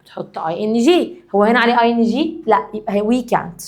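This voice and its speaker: An English teacher with an Egyptian Arabic accent gives a classroom grammar lesson, explaining things briskly and reading example sentences slowly and deliberately. Her voice is a little high and animated.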